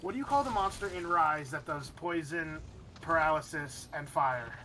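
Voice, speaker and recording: Bright-voiced joking male streamer. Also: a little high, a little hiss or hum. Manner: joking, animated, quick self-corrections. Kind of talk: casual chat while gaming.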